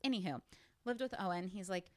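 A woman's voice: medium pitch, brisk, a little mellow. Lisping woman comic telling stories. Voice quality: lisp. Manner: storytelling, self-deprecating. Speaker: podcast guest; stand-up comic. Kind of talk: casual podcast chat.

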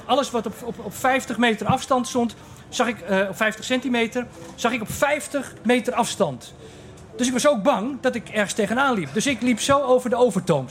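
A man's voice: very high-pitched, brisk, fairly bright tone. A man in his forties telling a comic personal story, acting out other people's voices and sound effects. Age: 40s. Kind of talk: personal anecdote told to listeners.

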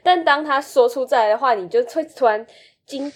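A woman co-hosting a podcast, chiming in with quick remarks in casual chat. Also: high voice. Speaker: podcast co-host.

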